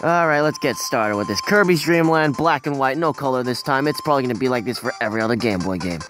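A man's voice: mid-range voice, animated, fast talker, fairly bright tone, faint music behind. A young man rambling through casual let's play commentary, full of fillers and restarts. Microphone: phone recording.

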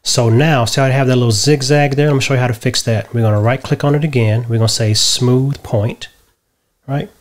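A middle-aged man explaining a software tutorial step by step from a home office, often checking in with "right?". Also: medium pitch, brisk. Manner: relaxed step-by-step explaining, tags lines with "right?". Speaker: tutorial host. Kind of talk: screen-share software tutorial.

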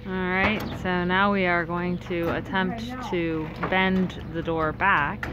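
Outdoors on a farm, a woman vlogs into her phone, chatting with viewers in a relaxed, direct way as casual vlog narration. Her voice is fairly low and she takes her time. The lo-fi phone audio carries loud background noise.

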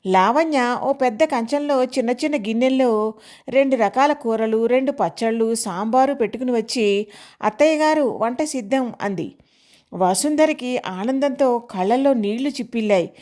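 A woman narrating an audio story in a measured, expressive reading. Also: on the high side.

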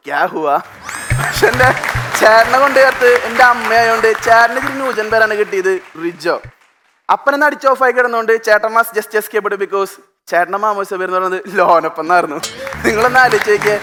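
Fast-talking young man. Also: high-pitched. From Thrissur, Kerala. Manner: rapid, animated storytelling with mimicked voices. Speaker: stand-up comedian. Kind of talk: stand-up comedy routine on stage. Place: TV studio stage. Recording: stage mic with music and audience. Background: music and a live audience.

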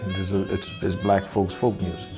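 Middle-aged male musician, low-ish voice, easygoing and reflective interview delivery, guitar music bed behind. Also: monotone. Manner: thoughtful, unhurried, many filler pauses. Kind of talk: relaxed interview talk. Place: indoors, wood-paneled room, seated at a table.

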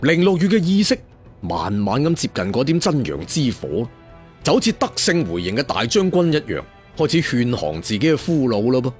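With a mid-range voice, a male Cantonese storyteller narrates a fantasy serial in a very lively, swinging style. He plays it theatrically, tossing in chatty asides and drawing out his endings for emphasis. Music runs behind him, shifting from faint to clear.

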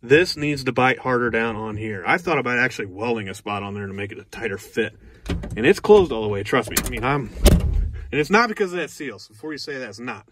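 A man's voice: medium pitch, fast, fairly bright tone, a little hiss or hum. A man giving a casual, rambling review of his skid steer from inside its small cab, talking bluntly about what he dislikes.

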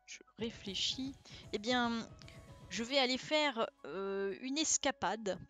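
Woman streamer, casual chat, relaxed, lots of fillers, slightly high voice, faint music behind. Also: takes it slowly. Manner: relaxed, thinking aloud with many fillers. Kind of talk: casual live-stream chat and read-aloud. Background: faint background music.

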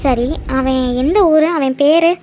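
A woman's voice: sits high, steady tone, slow, heavy background noise. Woman voicing Mathi, a curious young friend. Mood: concerned. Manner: curious, concerned questioning. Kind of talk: cartoon drama voice acting.

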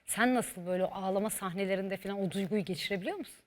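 A woman's voice: medium pitch, rapid-fire. A woman co-hosting a studio talk show, chatting playfully and laughing often. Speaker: co-host. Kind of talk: casual studio chat. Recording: long studio reverb.

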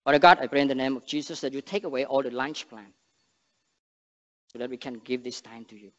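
A young man from Cambodia, speaking English with a Cambodian accent, gives an earnest church sermon and prayer, with halting phrasing and frequent restarts. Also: mid-range voice. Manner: earnest, halting non-native English with restarts and emphatic rises. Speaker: missionary speaker. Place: large church sanctuary stage. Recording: long church reverb, dull sound.

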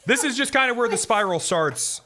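A man's voice: very high voice, animated, a little fast, noisy background. An American man doing casual, joking, profane live reaction commentary as a streamer. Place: indoor home streaming room.

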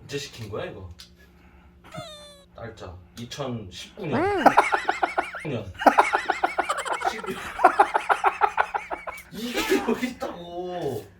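A man's voice: on the high side, huge pitch swings, slow, pauses often. A man bickering casually in a nagging, scolding way inside someone's home. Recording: distant, echoey, very noisy room.

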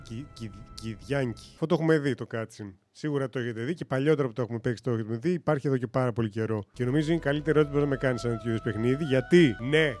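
A man's voice: medium pitch, a little mellow. Man casually thinking aloud over a game. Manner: thinks aloud, lists options, jokes and teases. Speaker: gaming streamer. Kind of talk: casual let's-play commentary.

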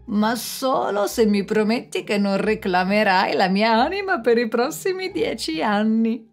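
A woman's voice: on the high side, unhurried, faint music behind, pitched above the performer's own voice. A woman voicing a sly, hard-drinking trickster man who coaxes and bargains in a storybook tale. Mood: wheedling. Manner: coaxing, wheedling.

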